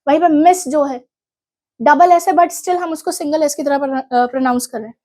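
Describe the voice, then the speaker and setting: Young Indian woman tutor with a high voice and Indian English accent, explaining exam topics step by step for revision. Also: steady tone, moderate pace, a little mellow. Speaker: teacher.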